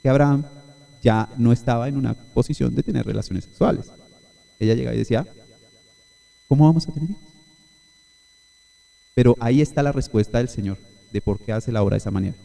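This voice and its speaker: A man's voice: mid-range voice, fast talker, vocal fry, warm tone. A male pastor preaching a Sunday sermon at a church service, teaching in an explanatory way and often checking in with his listeners.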